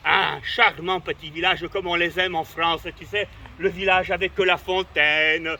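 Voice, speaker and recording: A man with a high, very bright voice performs a comic tale. He tells it in an animated, theatrical way and bursts into loud exclamations. Faint noise sits under his voice. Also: measured pace. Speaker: storyteller.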